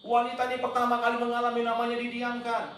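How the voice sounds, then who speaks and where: A man with a very high voice preaches emphatically from a church hall, now and then breaking into English words and shouted cries. The sound is heavily echoey and caught from some distance. A faint noise sits underneath. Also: monotone, fast talker. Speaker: pastor. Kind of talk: sermon.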